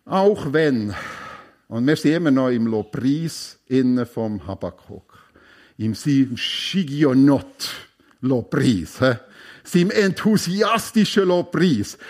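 A man preaching a sermon, emphatic and repeating key phrases, swinging between hushed and loud passages. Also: on the high side.

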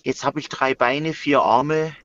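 Calling in through a car's hands-free system while on the road, a podcast co-host makes casual joking chat and frequently trips over repeated words. His mid-range voice is steady, a little slow and a bit bright, with no room sound. The speakerphone call is lo-fi with faint noise.

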